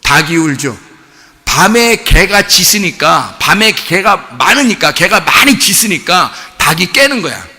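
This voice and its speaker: A middle-aged man preaching a sermon as pastor, telling a story in an animated way and imitating animal cries. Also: high-pitched, unhurried. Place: church sanctuary. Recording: long reverb of a church hall.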